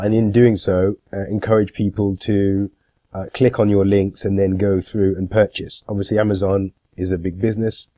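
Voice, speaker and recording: A middle-aged man with a cold gives a screen-share tutorial as a marketing YouTuber, sounding congested. His voice is fairly low and warm, recorded dry, and he delivers things plainly and matter-of-factly, with lots of "uh" fillers.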